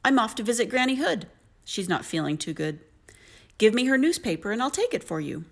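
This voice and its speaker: A woman's voice: on the high side, sing-song, brisk, creaky, pitched above the performer's own voice, exaggerated voice. A woman voicing a sly, fibbing male storybook wolf with a folksy, glib manner. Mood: falsely friendly. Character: sly, fibbing male Big Bad Wolf of fairy tale.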